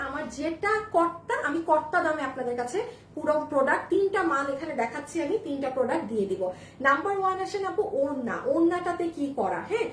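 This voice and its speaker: A woman selling dresses on a live stream, chatty and persuasive, calling viewers sister. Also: sits high. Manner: says her voice is very loud. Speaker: online clothing seller. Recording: echoey room with faint noise.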